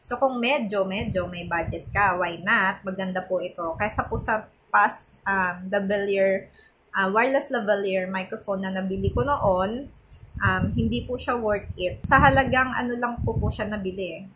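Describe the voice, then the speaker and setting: A woman's voice: medium pitch, normal speed, fairly bright tone, slight background noise, poor audio. Chatty woman reviewing a budget mic. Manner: polite and chatty, sprinkling Taglish and respectful particles; repeats test phrases while comparing mic on and off. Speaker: vlogger reviewing a microphone. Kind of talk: casual product review vlog.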